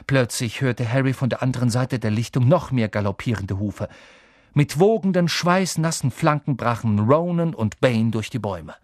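A man reading an audiobook with steady storytelling narration and dramatic lifts. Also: mid-range voice, normal speed, no room sound, clean studio sound. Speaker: audiobook reader. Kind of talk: scripted narration.

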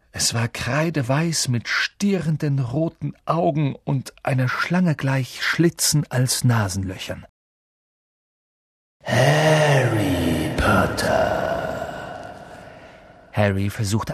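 A man reading an audiobook aloud in an expressive, dramatic storytelling manner. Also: mid-range voice, breathy edge, no echo, studio quality. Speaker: audiobook reader. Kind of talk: scripted audiobook narration.

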